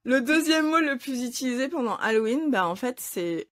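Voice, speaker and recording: A woman's voice: high voice, expressive, moderate pace, fairly bright tone, no echo. Upbeat French woman hosting, dry sound. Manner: upbeat, leads the game. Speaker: host. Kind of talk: hosting a quiz segment.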